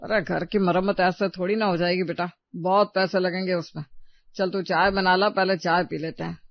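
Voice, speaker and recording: A woman voicing a gruff, dismissive, stingy old father-in-law in a storybook drama. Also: on the low side, steady tone, normal speed, no echo, close to an everyday voice. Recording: dull lo-fi recording.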